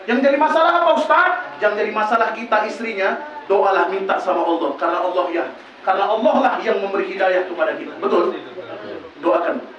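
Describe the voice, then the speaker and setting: A man preaching animatedly, throwing out rhetorical questions and answering them himself. His very high voice carries from a distance through a prayer house full of echo. The recording is dull, with a faint ambient hum. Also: expressive, brisk, fairly bright tone. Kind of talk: lively village sermon. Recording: very echoey room, distant mic, dull.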